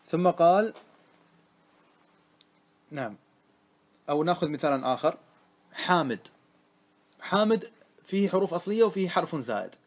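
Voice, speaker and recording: A man with a slightly high-pitched voice teaches a grammar lesson. He recites lines of classical verse at a slow, measured pace, then explains them in plain speech. He keeps checking that his students follow with short questions. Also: expressive. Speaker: sheikh teaching Arabic grammar.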